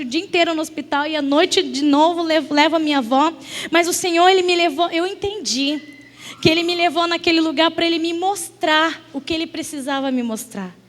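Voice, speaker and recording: High-voiced Brazilian woman preaching. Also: long reverb tail. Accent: Brazilian Portuguese. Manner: emotional storytelling preaching, repeats words for emphasis. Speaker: deaconess preacher. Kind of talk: sermon. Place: church hall.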